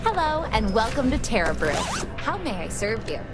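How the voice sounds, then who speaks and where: Game robot: a too-smooth android barista, polished and sugary, high and sing-song. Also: female voice, sing-song, moderate pace. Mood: chirpy. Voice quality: polished, sugary customer-service delivery. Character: overly smooth corporate android barista, female. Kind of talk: video game voice acting. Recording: game music underneath. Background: game music.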